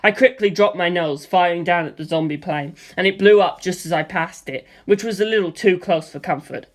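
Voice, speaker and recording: A narrator with a medium-pitched voice tells a first-person action story a little fast. The storytelling is vivid, and he voices the gunfire and explosions aloud as spoken sound effects.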